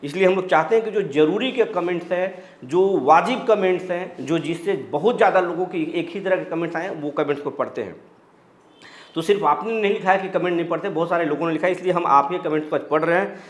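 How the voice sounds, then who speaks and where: A man with a somewhat high voice hosts a news commentary, calmly explaining and reading viewers' comments aloud. His delivery is reassuring and steady, with pauses between phrases. The recording has a noticeable roomy echo. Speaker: news channel host.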